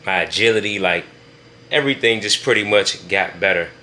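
Bright-voiced laid-back man vlogging. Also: low-pitched, a little fast, a little hiss or hum. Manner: laid-back, addresses viewers as y'all. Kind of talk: casual vlog talk to camera. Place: home kitchen.

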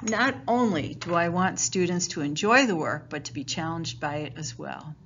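At a virtual parent night, a woman teacher welcomes parents and explains how her class runs in a friendly, informal way with some fillers. Her voice is lowish, animated and fairly bright, at normal speed, captured in a dull lo-fi home recording with faint hiss.

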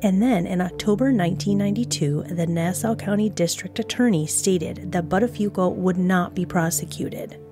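A woman hosting a true crime podcast, narrating the case in a conversational storytelling way with casual asides. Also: on the low side. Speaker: podcast host.

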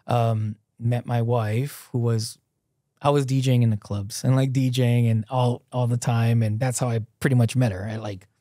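A man's voice: medium pitch, normal speed, no room sound. Man, from Hawaii, thirties, loose rambling storyteller, dead dry studio sound. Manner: loose and animated, lots of "like" fillers, gestures while talking. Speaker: guest. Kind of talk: casual conversational storytelling. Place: small dim studio set with a couch. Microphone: boom-mounted podcast mic close up.

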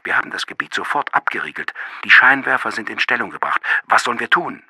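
A brisk male police officer rattles off a clipped report, as a man reading aloud puts him on. The voice is pitched up, husky and gravelly. The recording is dry. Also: very animated, bright, forceful tone, no echo, exaggerated voice. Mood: urgent. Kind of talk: audiobook reading.

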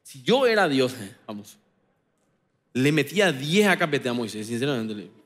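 A man with a Paraguayan Spanish accent, preaching a sermon with impassioned swings between loud declarations and quiet asides. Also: mid-range voice, long reverb tail. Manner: impassioned preaching, rising and dropping sharply. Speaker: pastor.

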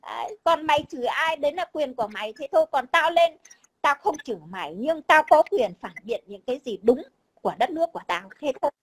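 Brief: woman, high voice, blunt and combative, salty language. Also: animated, quick pace, rough recording. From Vietnam. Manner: blunt, combative, swears, keeps repeating a tag word. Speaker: overseas Vietnamese guest. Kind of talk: casual chat.

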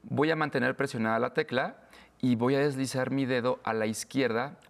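A patient instructor explains each step slowly, in a man's mid-pitched voice. The room adds a long, lingering reverb behind him. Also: fairly even intonation, creaky. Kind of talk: step-by-step tech tutorial.

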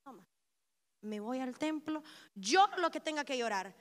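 A young woman with a Honduran Spanish accent preaching a sermon at a women's conference, impassioned and climbing to loud emotional peaks. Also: high voice, animated, normal speed.

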